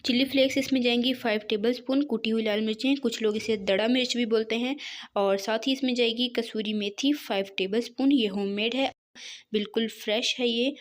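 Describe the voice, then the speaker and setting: A woman's voice: on the high side, steady tone, fairly quick. A woman with a Pakistani Urdu accent, hosting a cooking channel and narrating a recipe step by step in a friendly, instructive way, repeating each measurement.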